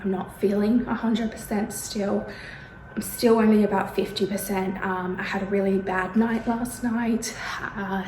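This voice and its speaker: A woman's voice: medium pitch, darkish tone, echoey room. An Australian woman talking casually to camera at home, a little out of breath, with frequent ums. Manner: chatty, with many ums. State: out of breath from pain. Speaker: vlogger. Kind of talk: casual vlog talk to camera. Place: bedroom at home.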